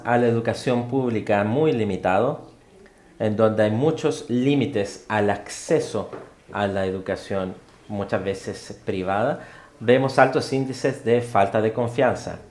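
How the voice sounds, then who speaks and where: A man giving a spoken interpretation of a university lecture, halting, with frequent fillers and self-corrections. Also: medium pitch, darkish tone. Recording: roomy hall sound.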